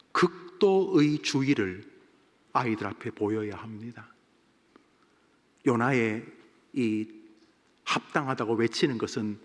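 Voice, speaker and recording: A man who is a senior pastor, preaching a sermon in a church, dramatic and ready to break into loud acted-out shouts. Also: mid-range voice. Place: church sanctuary. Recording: long reverb of a church hall.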